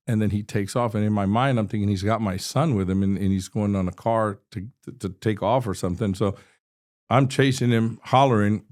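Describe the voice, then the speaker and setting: Low-voiced man in his sixties recounting a story. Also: a little mellow. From Texas. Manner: earnest, vivid retelling with frequent restarts. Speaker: state representative, podcast guest. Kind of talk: personal storytelling in an interview.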